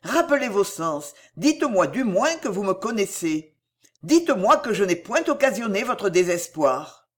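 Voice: mid-range voice, big pitch swings, unhurried. A reader voicing an ardent young man, earnest and imploring, in an audiobook of a classic novel.

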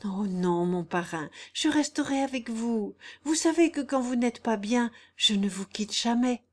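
A woman's voice: a little high, lively intonation, a little slow, pitched above the performer's own voice. A woman voicing a simple, devoted young peasant girl who speaks earnestly and plaintively in an audiobook. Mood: pleading. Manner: earnest, plaintive, rustic phrasing. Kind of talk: audiobook character reading.

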